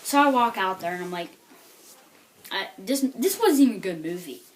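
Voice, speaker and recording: A woman's voice: mid-range voice, animated, moderate pace. A woman telling a rambling stand-up comedy story, full of filler words like "like" and "you know".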